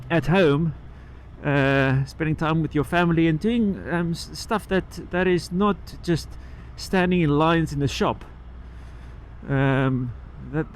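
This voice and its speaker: Male moto vlogger, slightly high voice, rambling and halting, recorded inside a helmet over light road and engine noise. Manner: halting, trailing off and picking the thread back up. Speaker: motorcycle vlogger. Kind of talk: casual rambling vlog chat while riding. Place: inside a helmet on a moving motorcycle outdoors. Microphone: microphone inside the helmet.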